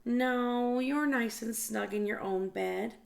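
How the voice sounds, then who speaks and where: Brief: tired gruff grown-up mouse, as a woman reads him, short clipped answers, slow. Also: a little high, pitched above the performer's own voice. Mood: gentle. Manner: curt, weary refusals. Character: grumpy, sleepy grown male mouse.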